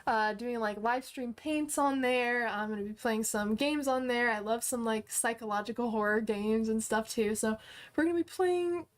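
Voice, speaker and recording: Her voice sits on the high side and moves at a moderate pace. She's in her twenties, an online course teacher hosting a casual livestream, cheerfully responding to comments with lots of fillers and restarts.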